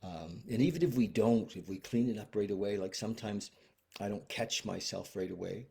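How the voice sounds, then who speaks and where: A man hosting a recovery video from home, talking casually and gently, with many restarts, and apologetic. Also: on the low side, moderate pace, vocal fry, slightly rough. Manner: rambling, many restarts and fillers. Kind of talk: casual heartfelt talk. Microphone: webcam video stream.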